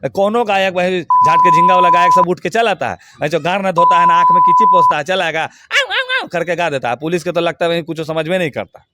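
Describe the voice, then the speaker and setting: A man's voice: high-pitched, huge pitch swings, a little fast, few pauses, very noisy. A man giving an interview, speaking in a heated, emphatic and abusive way. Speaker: interview guest. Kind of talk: heated, crude complaint.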